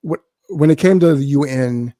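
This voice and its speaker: A man's voice: fairly high pitch, normal speed, mellow, no room sound, studio quality. A man hosting a podcast interview, encouraging his guest and reflecting on the lessons he shares. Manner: encouraging, frequent affirmations. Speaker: podcast host. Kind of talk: casual interview.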